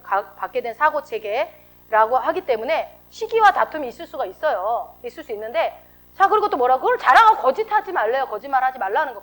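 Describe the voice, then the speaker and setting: A woman pastor delivers a sermon in a high, sing-song voice that leaps up and down. She peppers the congregation with rhetorical questions and bursts into acted-out flashes of temper. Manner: animated, rhetorical questions, acts out emotional outbursts.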